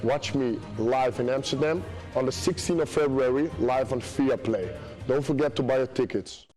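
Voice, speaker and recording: A man from the Netherlands, a fighter speaking in a promo interview, plain and halting. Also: mid-range voice, darkish tone, soft background music, poor audio.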